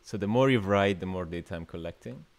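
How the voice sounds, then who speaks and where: Low, fast and creaky, the voice belongs to a young Italian new media artist in his twenties. He is hosting an informal livestream workshop in a small indoor room, talking with viewers hesitantly and often thinking aloud in his Italian-accented speech.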